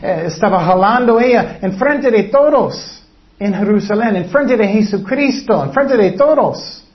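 A man with a fairly high voice delivers a sermon at an unhurried, deliberate pace. He keeps turning to the congregation with rhetorical questions as he retells a scripture story, and the recording sounds dull and lo-fi. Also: expressive. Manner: asks the listeners many rhetorical questions. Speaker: preacher.

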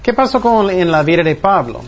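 Muffled higher-voiced man teaching a Bible study. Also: very animated, fairly quick. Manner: teacherly, poses questions to the group. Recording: muffled room recording with faint noise.

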